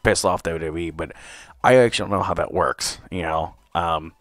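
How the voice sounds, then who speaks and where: A man hosting a solo podcast review, talking casually with lots of fillers and swearing, his voice a bit hoarse. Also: sits low, normal speed, a bit bright, no echo, clean studio sound. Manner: rambling, profane, with many fillers. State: slightly hoarse. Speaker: podcast host.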